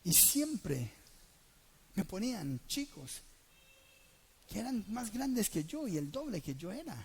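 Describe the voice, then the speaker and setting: High-voiced man preaching a sermon. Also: slow, slightly rough. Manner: animated, asks the congregation questions and acts out dialogue. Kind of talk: sermon with personal storytelling. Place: church gathering.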